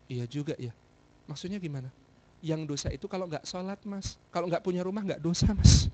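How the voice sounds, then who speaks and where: Man plays a calm, soft-spoken young wife, reassuring. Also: on the high side, a little fast, natural voice. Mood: gentle. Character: gentle, contented young wife.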